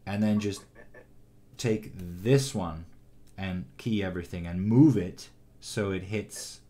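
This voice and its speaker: A man teaching animation, giving a calm, encouraging critique of a student's shot with frequent ums and restarts. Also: sits low, takes it slowly, slight background noise. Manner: calm, encouraging, many fillers. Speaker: animation instructor. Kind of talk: recorded critique of student work.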